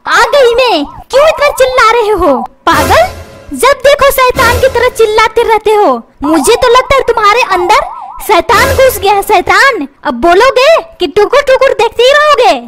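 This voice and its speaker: एक महिला कार्टून में झगड़ालू, डांटने वाली माँ की आवाज़ दे रही है, जो धमकाती है और ताने देती है।. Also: female voice, very high-pitched, expressive, moderate pace, over loud music. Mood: scolding. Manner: nagging, threatens, calls names. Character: quarrelsome scolding cartoon mother. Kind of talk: comedy cartoon dubbing.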